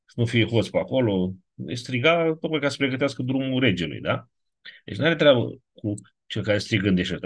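Speaking at a fairly low pitch with a breathy edge, a biblical Greek teacher delivers an online lesson with no room sound. He explains each step and frequently checks on his audience.

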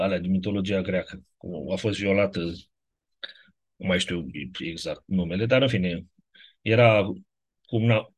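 A man giving a casual classroom lecture, wandering off topic and often checking in with his listeners through quick rhetorical questions. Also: mid-range voice, slightly rough.

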